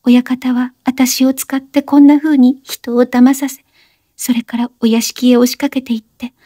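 A woman's voice: high voice, flat delivery, moderate pace, mellow, no room sound, studio quality, pitched above the performer's own voice. A woman voicing a desperate, guilt-ridden young woman who pleads breathlessly through sobs in a spoken story reading. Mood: confessing.

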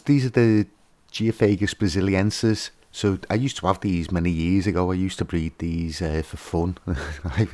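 A man's voice: low-pitched, a little mellow, dry recording. A man hosting a fishkeeping channel, giving a casual, hesitant voice-over with lots of fillers and restarts.

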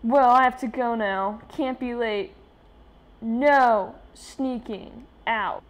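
A woman's voice: a little high, slow pace. A woman voicing a strict mother who scolds her kids in short clipped lines before heading out. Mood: stern.

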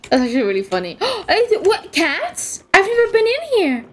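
A woman's voice: extremely high pitch, wildly swooping pitch, moderate pace. A young woman streaming a game, chatting casually and giggling as she reacts to the match and her chat.

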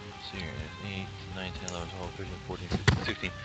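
A man's voice: low-pitched, monotone, a bit bright, faint music behind. Game master man tallying dice rolls. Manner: counts dice aloud, distracted pauses. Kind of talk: casual tabletop game play.

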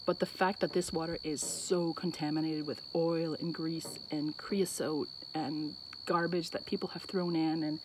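A woman chatting casually for an outdoor vlog, thinking aloud and interrupting herself as she goes. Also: on the low side. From Acadian Canada. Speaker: vlogger. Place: outdoors on a bridge over water. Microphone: phone set on the bridge. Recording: noisy outdoor phone recording, traffic, insects.

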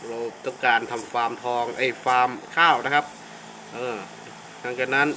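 A man's voice: mid-range voice, fairly even intonation, normal speed, pushed and bright. Young man, casual game commentary, crude jokes, hissy noisy phone recording. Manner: crude, joking, talks to himself and viewers. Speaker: mobile game streamer. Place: home game-casting room. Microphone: phone mic, speaking away from it.

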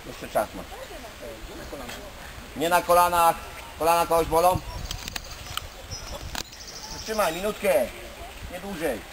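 A man leading a karate class, calling out counts and commands and correcting students in a stern coaching manner. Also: a little high. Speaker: karate instructor. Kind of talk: barking drill commands and counts. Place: outdoor training camp with a group. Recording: noisy outdoor camera audio with group.

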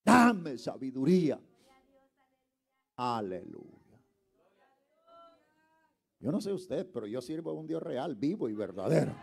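A man preaching a sermon, swinging from quiet murmurs to shouts and calling on the congregation to answer him. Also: mid-range voice, very animated, measured pace, vocal fry, pauses often. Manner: calls on the congregation to respond.

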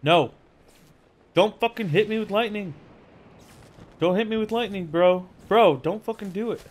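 A man streaming a game live, reacting loudly, swearing often and mocking himself as he plays. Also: high-pitched, normal speed. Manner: excitable, swears a lot, mocks himself. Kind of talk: live gameplay commentary.

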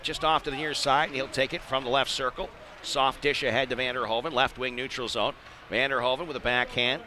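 This is live ice hockey commentary from an American man with a medium-pitched voice that sounds pushed and bright. He talks conversationally in short, clipped phrases over the clear background noise of a live arena broadcast.

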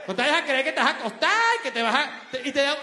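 A man doing stand-up comedy, animated and full of crude slang, acting out quotes. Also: extremely high pitch, rapid-fire, some chatter behind. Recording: roomy theater reverb with faint noise.

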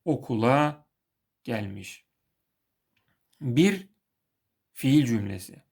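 A man giving a recorded grammar lesson, explaining slowly and deliberately and often repeating key terms. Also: medium pitch, lively intonation, creaky, a little mellow, slightly rough. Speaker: Arabic grammar teacher.

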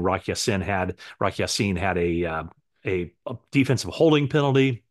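Low-voiced middle-aged man giving a sports news recap. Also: a bit bright. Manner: conversational, with many fillers and self-corrections. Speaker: sports reporter. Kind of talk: recap to camera. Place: living room with sofa, indoors.

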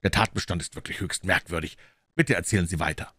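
A man reading an audiobook, voicing a shrewd, calm middle-aged detective who speaks low and measured, almost murmuring. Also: slightly rough, no echo, studio quality, heavily acted. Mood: calm, probing.

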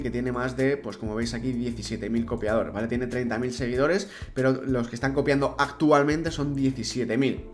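A young man with a Spanish accent from Spain guides viewers through a screen recording. He talks casually and directly to the audience, often restarting his words. Soft music runs quietly behind his mid-pitched voice. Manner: chatty, addresses viewers directly, frequent restarts. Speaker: crypto tutorial host. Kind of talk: screen-recorded tutorial walkthrough. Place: indoor room.

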